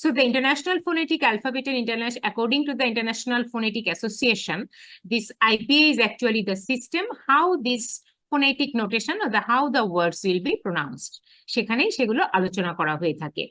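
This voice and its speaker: A woman giving a lecture on phonetics, drawing out her English phrases slowly and explaining quickly in between. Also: on the high side, expressive, bright, forceful tone, dry recording. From Bangladesh. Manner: switches between careful slow English and brisk Bengali explanation. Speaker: university English teacher.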